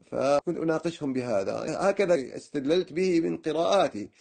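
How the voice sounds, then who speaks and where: A man's voice: on the high side, animated, brisk, gravelly, darkish tone. A man giving a religious lecture, telling of his own studies in a digressive way, with many fillers and restarts. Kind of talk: first-person lecture recounting his studies.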